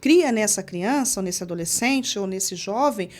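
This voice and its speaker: A woman's voice: medium pitch, animated, moderate pace. A woman missionary with a Brazilian Portuguese accent, hosting a faith-based interview, giving short affirmations and then talking in longer turns. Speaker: missionary, show host.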